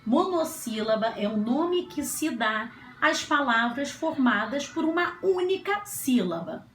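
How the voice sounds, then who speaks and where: A woman teacher with a high voice gives a children's classroom lesson in a patient, sing-song way, stretching syllables slowly. She is recorded on a camera mic in an echoey room with a faint hum of ambience behind her. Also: animated, a bit bright.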